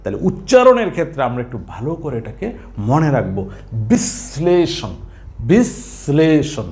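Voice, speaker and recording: A man's voice: mid-range voice, huge pitch swings, a little fast, a little mellow. A man teaching a spelling lesson, drawing out syllables and answering his own questions.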